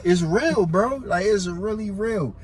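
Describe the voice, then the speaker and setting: His voice sits high and moves slowly. He's an American man guesting on a podcast, stuttering with repeated words and syllables, talking in an emphatic, casual way packed with slang and curses, and repeating himself for emphasis.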